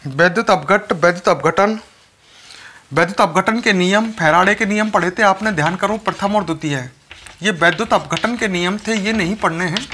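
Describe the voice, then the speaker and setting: A male chemistry teacher with a high, sharp-toned voice lectures his class, going over each point repeatedly and speaking to the students directly in an instructive way. Slight background noise is audible.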